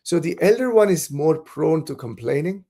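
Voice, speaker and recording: Guesting on a podcast, a Malayalam-speaking man from south India converses casually, pausing thoughtfully and restarting often. He sounds a little high and animated, at a moderate pace, with vocal fry and a dark tone.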